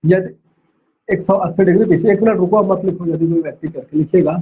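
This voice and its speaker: A male teacher dictating class notes, repeating each phrase slowly so students can write it down. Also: high voice, slightly rough. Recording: tinny phone-like audio.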